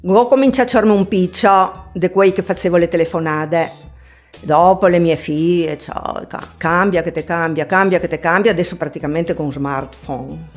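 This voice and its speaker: Low-voiced elderly Triestine woman. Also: moderate pace. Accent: Triestine, north-eastern Italian dialect. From Trieste, Italy. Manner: rambling, conversational. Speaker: interviewed grandmother. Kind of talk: casual interview chat, dialect mixed with Italian. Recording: music under the voice.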